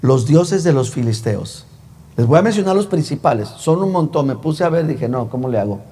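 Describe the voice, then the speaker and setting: Male pastor, chatty sermon, fairly high voice, long church echo. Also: animated, moderate pace, dark tone, husky. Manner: conversational, rhetorical questions, teasing. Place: church sanctuary.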